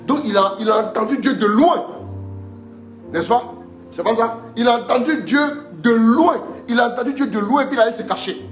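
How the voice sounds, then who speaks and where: With an extremely high-pitched voice at normal speed, a man gives a live-streamed teaching sermon in a roomy space with faint music behind. He presses listeners on emphatically, repeats phrases, and has scripture read aloud.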